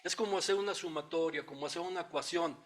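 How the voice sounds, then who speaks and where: A man with a Mexican Spanish accent preaching a Bible study sermon, explaining word meanings in a teacherly way, thinking aloud with small fillers, and reading scripture slowly. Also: on the high side, a bit bright.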